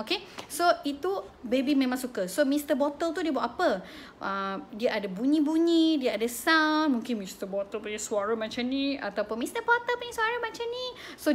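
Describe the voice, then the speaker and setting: A Malaysian woman in her thirties hosts a casual parenting talk with a high, bright-pitched voice. She is lively and moves easily between Malay and English. A faint hum of background noise sits under her voice. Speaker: host and mother.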